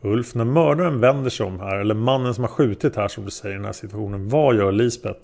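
A man's voice: on the low side, gravelly, a little mellow. A man reading the questions of a methodical male police interrogator. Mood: probing. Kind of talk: read-aloud interrogation transcript.

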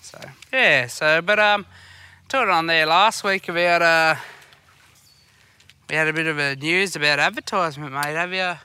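Sharp, higher-pitched Australian bloke, tradesman style. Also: moderate pace, clear, resonant tone, dry recording. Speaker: podcast co-host. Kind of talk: casual chat.

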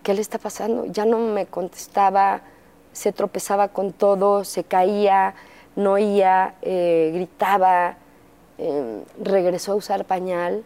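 A Mexican woman speaks openly as an interview guest, recounting her life in a candid, conversational way. Her voice is mellow and warm, and she slips in fillers while she acts out what others said. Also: medium pitch, steady tone, measured pace. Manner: candid storytelling, acting out quoted dialogue, frequent fillers. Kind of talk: personal testimony in conversation.

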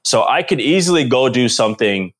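A man's voice: medium pitch, brisk. A man in his thirties from the East Coast of the US, a guest telling stories in a casual chat and laughing often. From Rhode Island, US East Coast. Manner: animated storyteller who laughs often. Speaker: guest, former pro football player.

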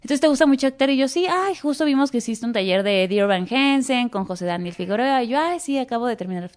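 A young Mexican woman tells stories from her acting career. She speaks in a Mexican Spanish accent with lively energy and acts out the people she quotes in full dialogue. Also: on the high side, brisk, clear, resonant tone. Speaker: guest actress. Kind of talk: casual interview storytelling.

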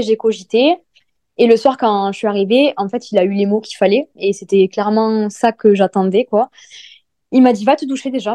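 A woman in her thirties tells her own story in relaxed podcast chat, full of fillers and animated retelling. Her voice sits a little high yet sounds mellow and warm. The sound is dry and close. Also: no room sound. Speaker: guest telling her birth story.

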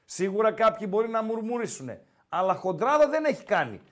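Man, Greek accent, high voice, very animated pitch, teasing podcast host. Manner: teasing, animated, repeats the co-host's name. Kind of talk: casual sports talk.

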